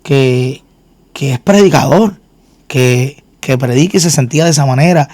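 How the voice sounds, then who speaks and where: A man's voice: medium pitch, normal speed, darkish tone, no room sound. A man, a minister, telling his own story in a faith interview, earnest and often repeating words as he restarts. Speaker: guest minister and singer.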